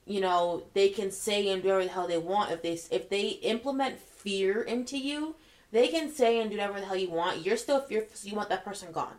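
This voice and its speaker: Casting: woman, podcast co-host, casual and blunt, cusses a lot, mid pitch. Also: brisk. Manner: blunt, swears freely, trails off and restarts. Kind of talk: casual chat.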